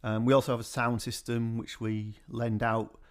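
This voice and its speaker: A man speaking as a guest in a radio interview, talking about his music organisation in a relaxed, rambling way with many fillers. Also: medium pitch, moderate pace.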